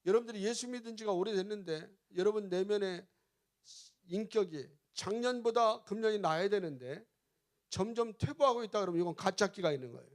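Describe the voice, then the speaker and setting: A middle-aged male pastor preaching emphatically, questioning the congregation and rising to loud exclamations. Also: high voice, fairly quick. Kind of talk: revival sermon.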